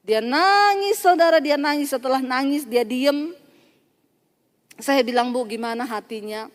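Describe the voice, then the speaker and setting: A woman's voice: sits high, a little slow, in a large hall. A woman preacher delivering a sermon, telling a story with acted quotes, sudden emphasis and laughter.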